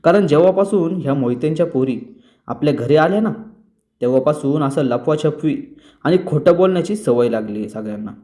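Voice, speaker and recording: A man reading the lines of a sharp-tongued older aunt who taunts the young women. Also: on the high side, animated, fairly quick, close to an everyday voice. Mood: taunting. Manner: taunting, sneering.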